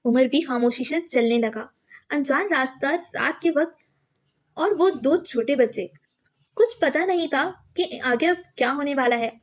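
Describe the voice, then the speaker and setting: A woman reading a novel aloud as an audiobook narrator, steady and measured. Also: sits high.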